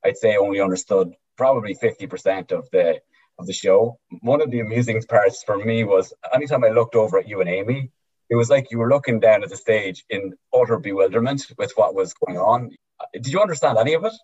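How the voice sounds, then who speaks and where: Husky Irish midlands man, low-pitched. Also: a little fast, darkish tone. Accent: Irish midlands, County Cavan. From County Cavan, Ireland. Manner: hesitant, repeats words, often tags with "right?". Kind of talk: conversational storytelling. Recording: dull lo-fi sound.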